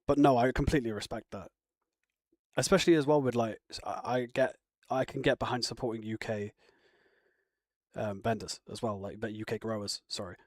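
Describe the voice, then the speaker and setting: On a live stream, a man chats casually, rambling as he reacts to and answers viewer comments. His mid-range voice has a darkish tone and fairly even intonation, and he talks fairly quickly. It sounds studio quality with no echo.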